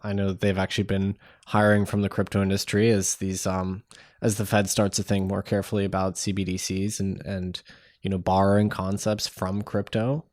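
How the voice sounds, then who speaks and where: A man hosting an interview podcast, talking in a relaxed, halting way with many fillers. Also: deep voice, no echo, studio quality. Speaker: podcast host.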